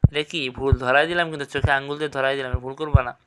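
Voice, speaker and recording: A man teaching an exam revision class, repeating each word slowly and checking with quick questions. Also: mid-range voice, fairly even intonation, background noise.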